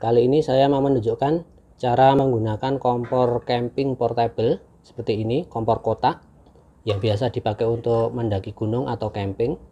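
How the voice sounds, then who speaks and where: A man calmly and patiently explaining, step by step, how to use a camping stove, recorded indoors with a camera mic above the table. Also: medium pitch, moderate pace, lo-fi sound. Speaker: channel host demonstrating a camping stove. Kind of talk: casual how-to demonstration.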